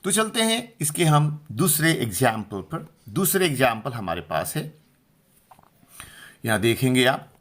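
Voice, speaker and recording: A middle-aged man from India gives a pronunciation lesson, speaking slowly and repeating each word. His voice is slightly husky, and his pitch rises and falls a lot as he checks whether his students have understood. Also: very animated, fairly bright tone. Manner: slow, patient, repeats words and asks if clear. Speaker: English teacher. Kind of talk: Hindi-language pronunciation lesson.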